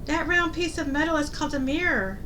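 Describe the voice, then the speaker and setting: A proud young husband from a storybook, read by a woman, speaks in a teasing way. The voice is high, and a clear rumble sits behind it. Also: animated, brisk. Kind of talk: storybook character reading. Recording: loud low rumbling background noise.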